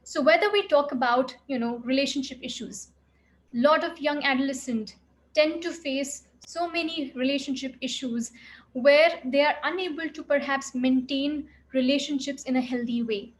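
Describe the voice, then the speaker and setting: A woman's voice: sits high, moderate pace. A woman, a clinical psychologist giving an earnest, reflective expert talk with frequent "you know" fillers. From India.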